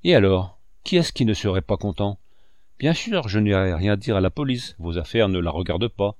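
A man's voice: lowish voice, expressive, moderate pace, a little mellow, no echo, clean studio sound, natural voice. A man voicing a cruel, oily middle-aged padrone who speaks in a sugary, mock-tender way.

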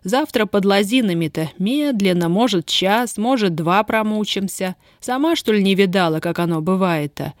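Женщина читает реплики сердитой, резкой на язык молодой крестьянки, ругающейся простонародной речью. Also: female voice, medium pitch, moderate pace, hardly any pauses, no echo, clean studio sound, close to an everyday voice. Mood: grim. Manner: gruff, scolding, folk speech. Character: grim, sharp-tongued young peasant woman, bound.

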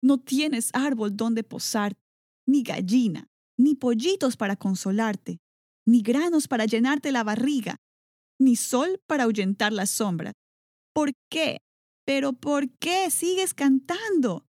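A woman's voice: a little high, sing-song, measured pace, mellow, dry recording, clean studio sound, pitched above the performer's own voice. Woman doing a grumpy blustering mayor. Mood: pleading. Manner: scolding, blustering. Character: grumpy, bossy male village mayor. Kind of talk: storybook character voice.

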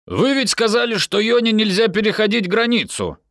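A man's voice: high voice, very animated, fairly quick, fairly bright tone, dry recording, studio quality, pitched above the performer's own voice, full character voice. A man reading an audiobook, voicing a strong, carefree man who calls out teasing, bossy remarks. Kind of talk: audiobook character voice.

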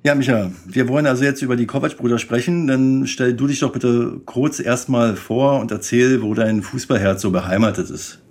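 A man's voice: mid-range voice, fairly even intonation, moderate pace, hardly any pauses, darkish tone. A man in his forties hosting a podcast, reading a formal introduction with a wry touch, then interviewing a guest. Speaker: podcast host.

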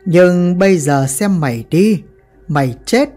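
A woman's voice: lowish voice, animated, unhurried, dark tone, faint music behind. A woman voicing an arrogant male gangster who mocks a dead rival. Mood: gloating. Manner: mocking, gloating.

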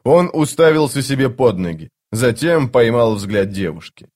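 A man reading a fantasy novel aloud in an even, measured narration. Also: mid-range voice. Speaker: audiobook narrator. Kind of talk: scripted narration.

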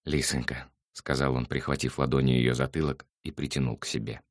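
A man narrating an audiobook in an even, measured manner. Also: rumbling low, no room sound, clean studio sound. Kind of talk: scripted narration.

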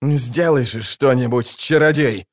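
A man voicing a desperate, bossy male mercenary leader who barks orders and yells at his men. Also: medium pitch, normal speed, natural voice. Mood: furious. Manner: barking orders, yelling.

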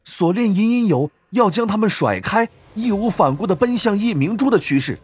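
Expressive male audiobook narrator. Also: high voice, moderate pace, breathy edge, no room sound. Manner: dramatic, expressive storytelling. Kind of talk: scripted novel narration.

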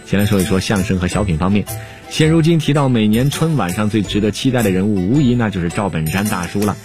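A man reading a scripted narration for a TV program in a smooth, even announcer delivery. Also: lowish voice, fast talker, soft background music.

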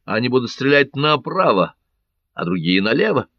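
A man's voice: medium pitch, very animated, moderate pace, no room sound, muffled recording, pitched above the performer's own voice, lightly acted. A man reading a cautious, respectful sailor in an audiobook, voicing careful warnings. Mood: wary. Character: wary male sailor from Catalonia, cautious, respectful.

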